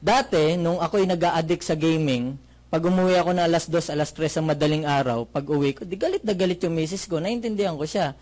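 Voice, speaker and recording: A man from the Philippines giving a lively testimonial talk, telling his story with jokes and asking the audience questions. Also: on the high side, fairly quick. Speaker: motivational speaker giving a testimony.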